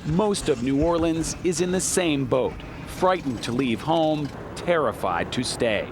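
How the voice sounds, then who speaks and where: A male field reporter reads a broadcast news script in a somewhat high voice. His delivery is measured with dramatic emphasis, over faint background noise. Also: animated.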